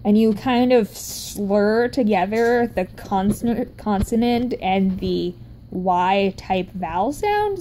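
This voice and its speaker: A woman's voice: medium pitch, background noise. A woman vlogging in a casual, rambling way, often breaking off mid-sentence as she explains Korean writing. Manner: rambling, self-interrupting, chatty.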